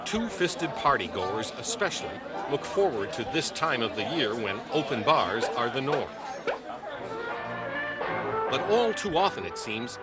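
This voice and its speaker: Lively wry male news narrator. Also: mid-range voice.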